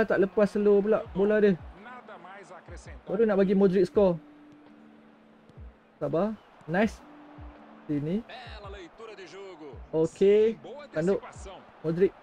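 A young man with a Malaysian accent and a high-pitched voice commentates his own football game as he plays. His pace is unhurried, broken into short exclamations and muttered asides. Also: a little mellow. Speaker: gaming streamer.

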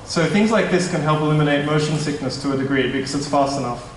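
A man's voice: fairly high pitch, fast talker, slight background noise. Young man presenting in an echoey hall. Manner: casual, slightly nervous, self-correcting. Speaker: tech startup presenter. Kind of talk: conference presentation. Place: meetup hall, indoors, large room. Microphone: stand mic at a distance. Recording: echoey hall, mic at a distance.

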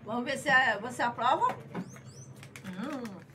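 A high-voiced Brazilian woman presents a pet vlog in a playful, cutesy way. She takes her time over the words and mixes in Japanese catchphrases. She is recorded outdoors with noticeable background noise. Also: lively intonation, measured pace, sharp tone. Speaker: host of a pet product review channel. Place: small tiled outdoor patio or yard.

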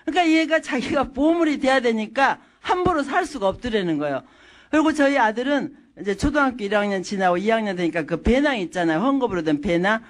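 A middle-aged woman lecturing an audience through stories from her own family life. Her pitch swings widely as she talks. She tells each anecdote with animation and acts out the people in it. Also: fast. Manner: animated storytelling, acting out quotes.

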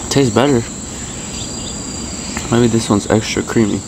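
A man's voice: mid-range voice, a little slow, gravelly. A young man in his twenties talks casually and thinks aloud while vlogging on a handheld camera outdoors in a rural village, swearing now and then. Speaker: travel vlogger. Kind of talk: casual vlog narration. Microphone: handheld camera held close. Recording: outdoor camera audio with insect noise. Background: crickets and insects.

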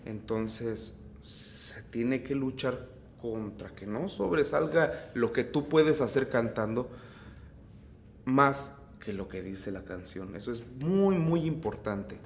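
A man with a Mexican accent, a mariachi singer teaching vocal technique in an unhurried, relaxed way. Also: medium pitch, vocal fry, slight background noise. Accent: Mexican Spanish. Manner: unhurried, explains phrasing, breaks into singing. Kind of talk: relaxed vocal tutorial with sung demonstrations.

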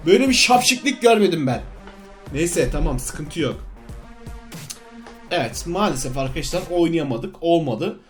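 A high-voiced man commentating his own gameplay in a loose, excitable way. He jumps from loud yelps of outrage to low, sneaky muttering. Faint game music plays behind him. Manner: excitable, swings between loud outbursts and sly muttering. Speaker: gaming YouTuber. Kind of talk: casual Let's Play commentary.

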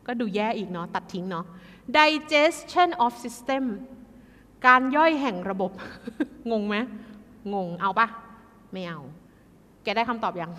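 Bright-voiced woman tutor, lively and chatty. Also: fairly high pitch, long reverb tail. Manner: lively, chatty, talks to students as kids. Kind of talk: exam tutoring lesson.

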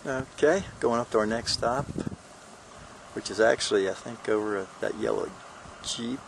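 Out on a windy mountain trail, an older hiker narrates his vlog into a handheld camera, rambling, joking and leaning on fillers. The voice sits on the low side with vocal fry, moving at a moderate pace over background noise.

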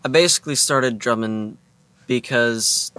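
A man's voice: medium pitch, a little slow, sharp tone. A man from Oregon, a band's drummer, speaking matter-of-factly in a documentary interview. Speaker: drummer in a band.

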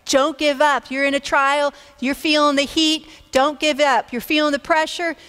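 High-voiced woman pastor in her fifties preaching. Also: normal speed. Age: 50s. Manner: energetic and encouraging, with whooping shouts and amen calls. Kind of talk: sermon. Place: church stage. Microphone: headset mic.

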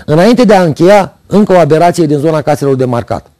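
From a studio desk, a middle-aged TV host delivers scripted opinion commentary into a lapel mic, griping with sardonic irony. His voice is on the high side, expressive and mellow, with no room sound.

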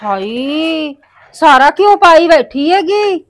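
An actress playing a hard-working daughter-in-law who snaps out accusations. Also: female voice, high-pitched, very animated, slow, heavily acted. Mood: accusing. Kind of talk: village family drama acting.

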